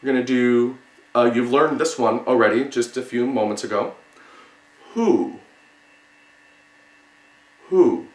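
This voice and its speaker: Male class teacher, mid-pitched voice, halting step-by-step delivery with pauses, recorded in an echoing room. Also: fairly even intonation. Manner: halting, explanatory, repeats single words with pauses. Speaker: sign language teacher. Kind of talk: instructional lesson, demonstrating word by word. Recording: roomy, echoing sound.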